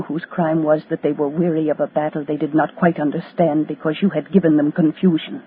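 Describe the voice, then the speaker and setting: Solemn, low-voiced avenging condemned woman. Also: breathy edge, narrow, tinny audio. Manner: solemn, incantatory, taunting, dramatic pauses. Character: defiant condemned woman, unkillable avenging accuser of Nazis. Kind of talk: 1940s radio drama monologue. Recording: thin, scratchy 1940s radio broadcast.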